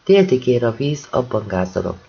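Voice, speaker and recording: A man's voice: medium pitch, sing-song, vocal fry, warm tone, slightly rough, lo-fi sound. A man reading a first-person audiobook with urgent, intense storytelling. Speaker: audiobook reader.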